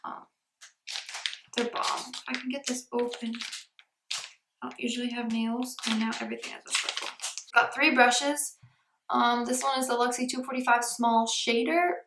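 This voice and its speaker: Woman, high voice, gravelly fry, chatty unboxing, echoey room without a proper mic. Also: little pitch movement, moderate pace, long pauses, background noise. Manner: chatty, often drops to a soft near-whisper. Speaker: beauty vlogger. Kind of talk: casual unboxing chat.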